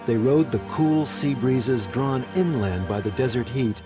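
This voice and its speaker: A man narrates a documentary in a mid-pitched voice, reading from a script. Music plays clearly behind him. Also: animated, unhurried. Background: music bed.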